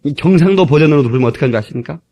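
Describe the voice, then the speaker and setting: A middle-aged male pastor preaching emphatically, with shouted exclamations and calls to the congregation. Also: on the high side, animated, very fast. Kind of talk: sermon.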